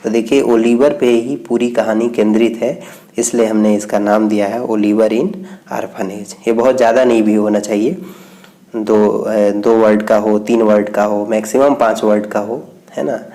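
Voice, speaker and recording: Mellow-voiced male teacher, slow and patient. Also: lowish voice, fairly even intonation. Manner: reads English lines slowly, then explains them. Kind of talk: explaining a reading exercise.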